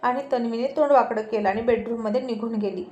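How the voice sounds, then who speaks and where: A woman storyteller reading a serialized romance story aloud with expressive, steady narration. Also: fairly high pitch, quick pace, dull audio. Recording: echoey room, faint noise.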